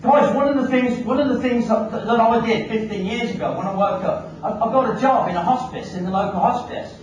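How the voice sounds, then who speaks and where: A man giving an animated motivational seminar talk, firing rhetorical questions at a live audience. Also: very high-pitched, brisk, crowd noise. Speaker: motivational speaker. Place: large hall with a live audience. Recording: echoey hall from far off, audience noise.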